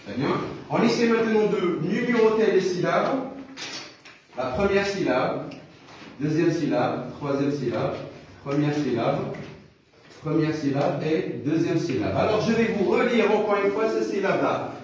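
A man teaching young pupils in a classroom, patiently repeating words slowly and prompting them for answers. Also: high-pitched, expressive, darkish tone, a little hiss or hum. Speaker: primary school teacher. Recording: echoey classroom from far off.

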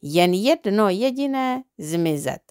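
Woman doing a sly smooth-talking swindler. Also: mid-range voice, expressive, a little mellow, no room sound, clean studio sound, close to an everyday voice. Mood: coaxing.

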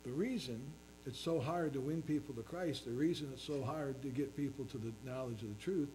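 A man's voice: mid-range voice, fairly quick, warm tone, a little hiss or hum, poor audio. A man preaching a sermon as pastor, earnestly reading scripture in King James wording.

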